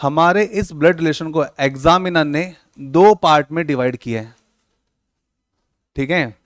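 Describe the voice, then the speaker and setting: This coaching-class teacher, speaking Hindi-English with a Rajasthani accent, teases his students and acts out small scenes as he lectures. His voice is on the high side and his pace measured, in a dry recording with clean studio sound.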